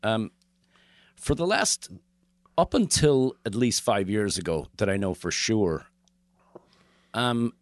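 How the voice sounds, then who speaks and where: A man's voice: fairly low pitch, sing-song, takes it slowly, long pauses, dry recording, studio quality. A man from Galway with a west of Ireland accent, chatting and telling stories as a podcast guest in a wry, joking, sweary way. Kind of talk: casual chat, storytelling.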